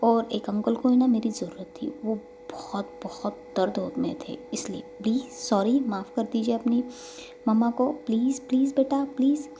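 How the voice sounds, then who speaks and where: A woman voicing a caring young cardiologist who is a doting mother, talking softly and affectionately. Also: medium pitch, moderate pace, slight background noise, natural voice. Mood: coaxing. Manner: soft, affectionate pleading.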